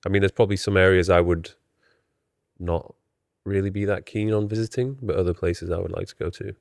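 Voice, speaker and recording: A man's voice: low voice, fairly even intonation, brisk, creaky, darkish tone, no room sound, clean studio sound. A man hosting a podcast in casual interview chat, teasing and jokey, often laughing. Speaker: podcast host.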